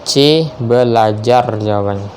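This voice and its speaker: A man slowly reading multiple-choice quiz questions aloud and confirming each answer. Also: medium pitch, darkish tone, a little hiss or hum. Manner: measured, spells out each option, confirms answers with "ya".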